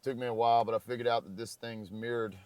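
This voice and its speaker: Sitting in a parked car, a man with a fading, crackly voice rambles through an easygoing casual chat as a travel vlogger. He talks at a quick pace with a steady, medium-pitched, slightly mellow voice, and the recording is dry.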